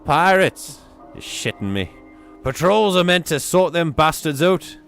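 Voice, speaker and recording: A man voicing a gruff, balding dock guard with a Northern English accent, bellowing rough and blunt. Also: a little high, expressive, a little slow, a bit bright, faint music behind, voice pushed up, full character voice.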